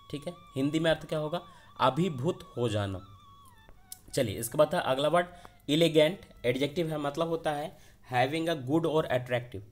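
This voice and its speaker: A man teaching exam vocabulary in a fairly high voice. He keeps asking a question and then answering it himself as he explains each word. Soft music plays underneath.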